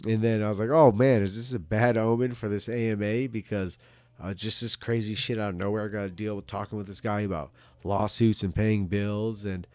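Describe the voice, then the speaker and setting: A middle-aged man in a casual, rambling monologue as a video host, halting and repeating words, with some casual swearing. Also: fairly low pitch, steady tone, darkish tone, smooth, no echo. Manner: casually foul-mouthed. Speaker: video host answering viewer questions.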